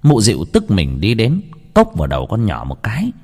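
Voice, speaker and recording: A man narrating a ghost story dramatically, swinging between hushed and heightened tones. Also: on the low side, huge pitch swings, fairly quick.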